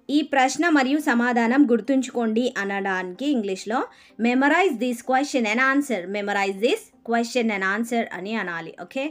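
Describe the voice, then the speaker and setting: A woman with a Telugu accent leads a spoken English lesson, her voice set a little high. She says each English phrase very slowly and carefully, then repeats it. Faint music plays behind her. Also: a bit bright. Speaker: English teacher.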